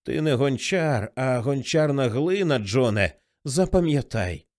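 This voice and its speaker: A man voicing a dying old woman after a stroke, who talks in a hoarse, halting, pleading way. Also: mid-range voice, lively intonation, a little mellow, close to an everyday voice. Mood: fervent.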